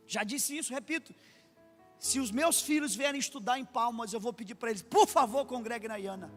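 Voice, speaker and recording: A Brazilian man preaching a sermon as pastor, acting out stories and rising into impassioned shouts. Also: extremely high pitch. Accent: Brazilian Portuguese. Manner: acts out dialogue in anecdotes. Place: church sanctuary. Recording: long church reverb, faint music.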